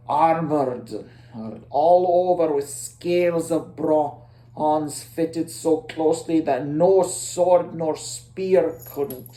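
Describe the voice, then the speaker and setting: A storyteller giving a dramatic storybook reading, with theatrical, weighty delivery and drawn-out emphasis. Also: medium pitch, dark tone.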